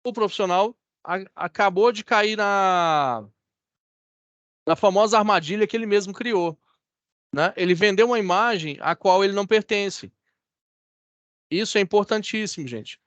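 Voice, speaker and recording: A man's voice: sits high, normal speed, pauses often, a bit bright, no room sound, dull audio. A man with a Brazilian Portuguese accent teaching an online class over a video call, in a conversational way that keeps checking in with his students. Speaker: course instructor.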